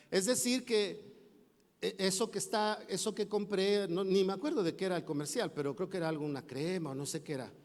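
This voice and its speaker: A man's voice: sits high, normal speed, long pauses. A male pastor preaching a sermon, telling a story with acted voices and asides to the congregation. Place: church sanctuary. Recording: long church hall reverb.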